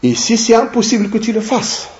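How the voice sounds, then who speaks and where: A man with a somewhat high voice delivers a religious lesson, speaking slowly and deliberately and checking in with short tag questions. The recording sounds dull and lo-fi. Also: big pitch swings, darkish tone. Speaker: religious lecturer translating a sheikh's talk.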